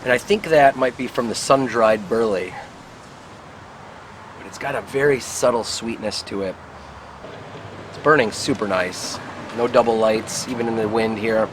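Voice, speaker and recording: Low-voiced man puffing a pipe, noisy outdoors. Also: moderate pace, pauses often. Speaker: pipe tobacco reviewer. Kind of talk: casual product review to camera. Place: outdoors in the wind. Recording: noisy outdoor recording with wind and traffic.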